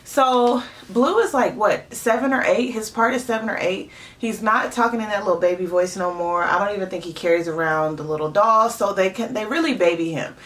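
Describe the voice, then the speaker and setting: Woman vlogger, chatty and opinionated, mid pitch, sits back from the mic. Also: brisk, hardly any pauses, recorded from a distance. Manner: chatty and animated, many "you know" fillers; opinionated, exasperated asides. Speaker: TV show reviewer. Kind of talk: casual review vlog.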